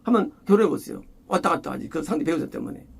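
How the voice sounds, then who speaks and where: A male pastor delivering an expository sermon with a husky, gravelly voice. He swings widely in pitch and keeps pressing his points through repetition, sometimes rising almost to a shout. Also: lively intonation, very fast.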